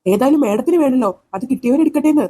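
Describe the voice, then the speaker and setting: A woman doing a low, earnest cartoon man. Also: lively intonation, very fast, mellow, slightly rough. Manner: polite, moralizing, addresses her as madam. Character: earnest adult man helping search for a lost dog. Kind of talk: cartoon voice acting.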